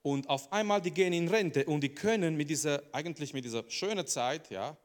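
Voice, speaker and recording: A man's voice: fairly high pitch, brisk. A male preacher giving an emphatic sermon, repeating phrases and putting rhetorical questions to the audience. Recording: long reverb of a large hall.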